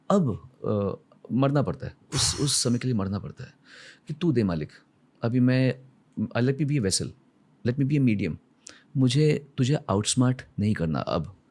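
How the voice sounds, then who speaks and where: A man's voice: mid-range voice, a little mellow. A man in his fifties from India, a singer and podcast guest, who tells heartfelt stories earnestly and slips into quoted prayers and dialogue. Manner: heartfelt, retells emotional moments with intensity. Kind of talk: reflective podcast storytelling.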